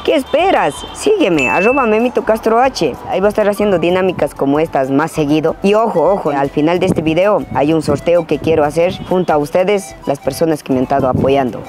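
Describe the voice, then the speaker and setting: A man's voice: on the high side, lively intonation, fairly quick, hardly any pauses, over music. A young man hosting a casual question-and-answer vlog outdoors on a rural hillside, talking in a playful, teasing, slangy way to a camera a few feet away. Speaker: vlogger host. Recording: outdoor noise with passing vehicles. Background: outdoor ambience and traffic.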